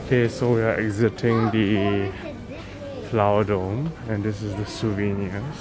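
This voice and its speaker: A man's voice: on the low side, fairly even intonation. A man hosting a casual walking tour vlog, chatting as he walks and films on a phone. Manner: slow, chatty, upbeat guide. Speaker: vlog host. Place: large indoor and outdoor garden complex at night. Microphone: handheld phone camera while walking. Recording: background music mixed in.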